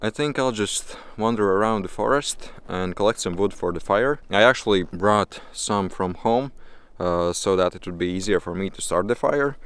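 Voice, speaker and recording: Low-voiced man vlogging casually outdoors. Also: normal speed, few pauses, fairly bright tone, clear, resonant tone. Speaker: camping vlogger. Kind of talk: casual vlog narration to camera. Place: outdoors in a snowy winter forest.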